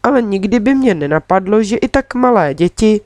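A woman's voice: mid-range voice, animated, darkish tone, no echo, lightly acted. A woman reading a father with a wry, reasoning way of talking in a children's story. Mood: thoughtful. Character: dry-humored father on a ski trip.

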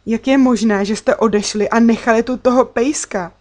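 A woman's voice: fairly high pitch, fairly even intonation, dark tone, lightly acted. Worried storybook mum, urgent and reproachful, read by the woman narrator. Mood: anxious. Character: anxious, upset mother, middle-aged woman.

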